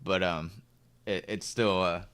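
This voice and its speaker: A man's voice: low-pitched, steady tone, unhurried, fairly bright tone, clean tone. A young man chatting casually on a chess stream, rambling and laid-back with lots of fillers. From United States. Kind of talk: casual live-stream chat. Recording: faint music behind.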